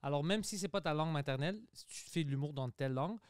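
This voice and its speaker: A man's voice: on the high side, fast talker, clear, resonant tone, no room sound, studio quality. A man, a comedian guest on a podcast, speaking earnestly and emphatically in casual chat.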